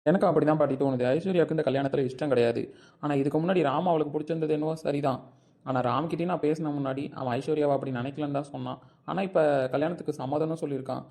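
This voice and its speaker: A man's voice: fairly high pitch, steady tone, darkish tone, lightly acted. A man playing a young police officer grandson in an amateur audio drama, speaking in a reassuring way. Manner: reassuring, fast-talking.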